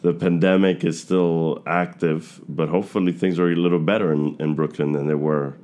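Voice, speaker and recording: A man's voice: deep voice, steady tone, moderate pace, dark tone. A young man from Queens, hosting a podcast interview, reading a scripted intro and then talking loosely with many fillers. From Queens, New York. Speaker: podcast host.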